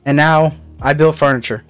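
A young man hosts a casual chat with friends, his voice sitting a little high. He rambles, restarts his sentences and swears freely as he tells stories about work. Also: fairly even intonation, normal speed, fairly bright tone, smooth, faint music behind. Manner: rambling, profane, restarts often. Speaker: podcast host.

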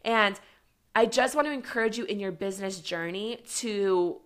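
A woman's voice: medium pitch, normal speed, a bit bright, smooth. Woman business coach doing a faith talk, earnest and encouraging, says like a lot. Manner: earnest, encouraging, filler-heavy with frequent "like"; acts out little quoted voices for herself and God. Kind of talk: faith-based motivational talk.

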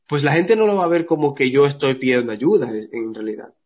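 Earnest husky Dominican man. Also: medium pitch, fairly quick, darkish tone, muffled recording. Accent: Dominican Spanish. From Dominican Republic. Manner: earnest, explains at length with restarts. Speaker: podcast co-host. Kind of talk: casual discussion.

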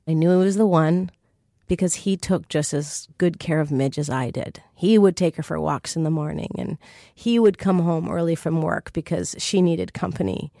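A woman's voice: lowish voice, dark tone, dry recording, clean studio sound. A woman telling a personal story to an audience in an earnest, vivid way.

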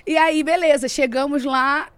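Animated Brazilian woman telling a story. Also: sits high, normal speed. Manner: animated storytelling, laughs often. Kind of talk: casual chat.

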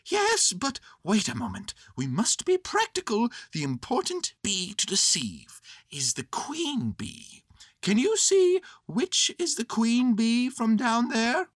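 A woman voicing an earnest, scheming, silly male toy bear from a children's storybook, with excitable, self-important pronouncements. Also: fairly high pitch, takes it slowly, no room sound, voice pushed up, heavily acted. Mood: bossy, fretful.

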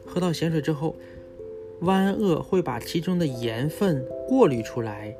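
Reading from a book about animals, this dad walks his young child through things step by step, often pausing for small questions to check in. He speaks a little slowly in a fairly high, expressive, creaky voice, and music plays in the background.

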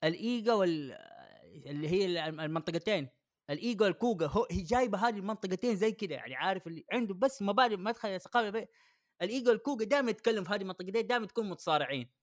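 Host man, casual chat, high voice, rapid-fire talk, encouraging. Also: lively intonation. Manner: encouraging, quick interjections. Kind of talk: casual chat about an anime.

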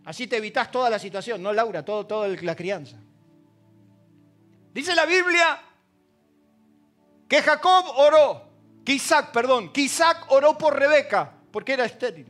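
High-voiced Argentine pastor preaching. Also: male voice, lively intonation, moderate pace, long pauses, soft background music. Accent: Argentine Spanish. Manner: storytelling, acting out quoted dialogue; swings from loud emphasis to hushed asides. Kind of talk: sermon with told anecdotes.

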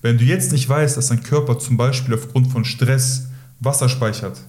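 A man's voice: medium pitch, moderate pace, a little mellow. A man who works as a weight-loss coach, talking directly and instructively in a casual podcast conversation, often closing his points with a short "so". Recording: roomy echo.

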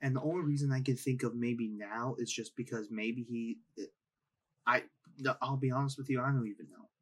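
A man's voice: medium pitch, steady tone, normal speed, slightly rough. A man co-hosting a fantasy football podcast, chatting casually, hedging his takes and putting questions to his co-host. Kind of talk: casual chat.

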